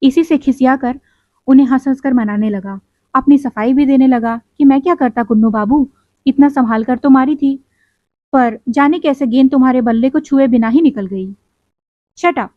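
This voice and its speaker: High-voiced woman narrating a story, tinny. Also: moderate pace, dry recording. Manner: narrates in a boy's first-person voice, voicing other characters in quotes. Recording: tinny, phone-like, dry sound.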